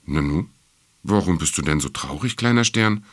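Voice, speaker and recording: A man voicing a wise, kind fox in a storybook reading, calm and gently explaining. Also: low-pitched, moderate pace, dry recording. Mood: gentle.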